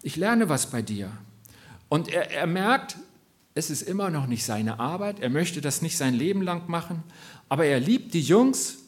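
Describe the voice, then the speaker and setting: Male preacher, fairly high voice, earnest sermon delivery, direct questions to the congregation, emphatic peaks and quiet drops. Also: big pitch swings, normal speed.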